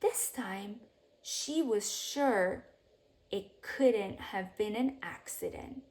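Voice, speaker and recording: A woman with a medium-pitched voice reads a storybook for children in an expressive, bedtime-style way. She keeps her phrasing measured and lets her sentence endings drop to a soft hush.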